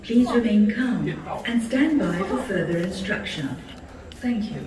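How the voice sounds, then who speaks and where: A woman's calm, formal announcement played over a PA system in a large public building. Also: mid-range voice, measured pace. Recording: echoey loudspeaker from far off in a crowd. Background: crowd chatter.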